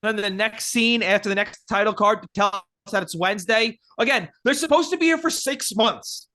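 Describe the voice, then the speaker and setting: A man's voice: sits high, fairly quick, pushed and bright. A man co-hosting a podcast, wryly pointing out film details in casual chat. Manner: wry, nitpicky, points out film details and laughs. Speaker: podcast co-host.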